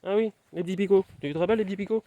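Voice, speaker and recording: A man's voice: high-pitched, rapid-fire, dark tone, no echo. A young man vlogging outdoors in his garden, rambling playfully and talking straight to the viewer. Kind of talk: casual outdoor vlog chat.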